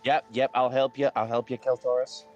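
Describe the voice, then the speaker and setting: A man's voice: medium pitch, flat delivery, fairly quick, soft background music. A man playing a tabletop game in character, polite and hesitant with frequent fillers. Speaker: player.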